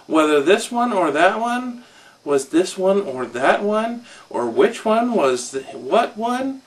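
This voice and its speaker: A man slowly reading a rhyming children's story aloud in a rhythmic way, a little off-mic. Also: sits high, expressive, far from the mic. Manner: slow, rhythmic rhyme reading.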